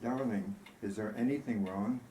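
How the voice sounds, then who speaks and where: A man's voice: lowish voice, normal speed, warm tone, natural voice. A man reading the part of a tender, grieving woman who recalls her lost love, earnest and reflective, in a storybook reading. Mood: alarmed. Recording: roomy echo, faint background noise.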